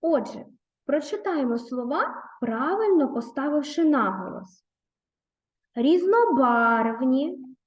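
Expressive woman teacher reading to children. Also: sits high. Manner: expressive, gentle, coaxing. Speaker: primary school teacher. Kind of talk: reading a story aloud and leading a video lesson.

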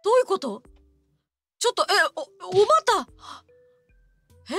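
A woman streaming a live anime watch-along, reacting excitably with gasps and then scolding herself. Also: very high-pitched, quick pace, creaky, dry recording, faint music behind. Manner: excitable, gasping, self-deprecating. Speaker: VTuber streamer.

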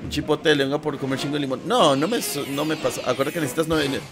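Loud excitable young streamer with game music. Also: male voice, a little high, fast. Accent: Mexican Spanish. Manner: loud, excitable, jokey with chat. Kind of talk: casual gaming stream chat.

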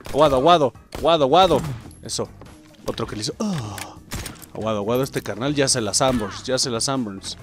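A young man with a Mexican Spanish accent, commenting on his own gameplay with excitable, profane jokes aimed at his viewers. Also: medium pitch, normal speed, faint music behind. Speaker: gaming channel host.

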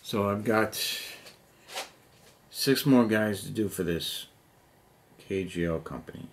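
Painting miniatures in a cluttered basement hobby room, this middle-aged man chats slowly in a lowish voice, rambling and dropping "you know" constantly. He's a hobby vlogger addressing a camera on the table close by, and there's slight background noise.

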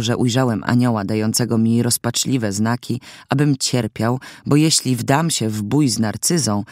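A man's voice: mid-range voice, a little mellow, no room sound. Guy reading a story in first person, dry close studio sound, wry and mock-serious. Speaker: audiobook narrator. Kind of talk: scripted first-person narration. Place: recording studio.

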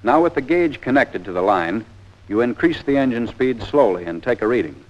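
On a dull, band-limited soundtrack from a 1940s film, an American man narrates a scripted training reel at a fairly quick clip. His medium-pitched voice is expressive, and his manner is that of a folksy, methodical, plain-spoken instructor.

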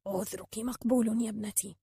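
A woman voicing a frail, gentle old man who speaks softly and slowly. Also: fairly high pitch, steady tone, slightly rough, no echo. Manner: soft, gentle and slow.

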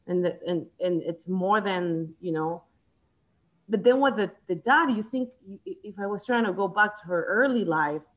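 A woman's voice: medium pitch, normal speed, poor audio. Woman leading a video-call book club. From Chile. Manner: thoughtful, restarts often, gestures while talking. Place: home room, indoors. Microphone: video call webcam.

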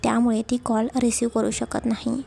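Storybook: woman doing a curt, irritable young husband, a bit high, gravelly. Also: monotone, fairly quick, mellow. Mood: irritated. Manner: short, snappish replies.

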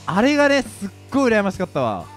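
Young man, high voice, very lively pitch, rambling self-mocking game-stream chat. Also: quick pace. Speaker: pro gamer and video creator. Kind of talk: casual storytelling while playing a game. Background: faint game music.

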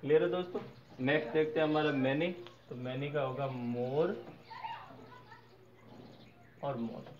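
A man's voice: fairly high pitch, steady tone, a little slow, long pauses. Man teaching English grammar, dull recording. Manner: checks in with viewers often; spells out word endings letter by letter. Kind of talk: explaining grammar lesson. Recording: slightly dull recording with faint noise.

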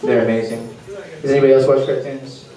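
A man's voice: medium pitch, little pitch movement, quick pace. A man doing a rambling, awkward, self-deprecating stand-up set on a comedy club stage. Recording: echoey club room, mic far off, loud hiss.

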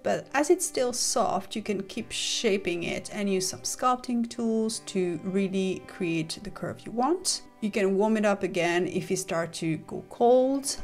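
A woman narrating a step-by-step model-making tutorial as a voice-over, calm and methodical as she explains each stage. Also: mid-range voice. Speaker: model maker explaining her build.

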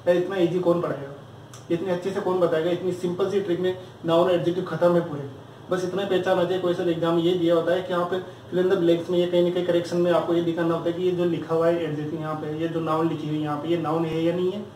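A man's voice: on the high side, little pitch movement, fast talker, darkish tone, slight background noise. A man teaching a grammar lesson for exam preparation, drilling students with repeated questions and answers. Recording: very echoey room, far from mic.

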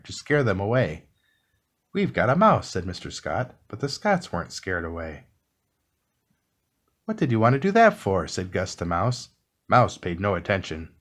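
A man reading a children's book aloud as calm bedtime narration, soft and unhurried. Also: sits low. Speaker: storybook reader.

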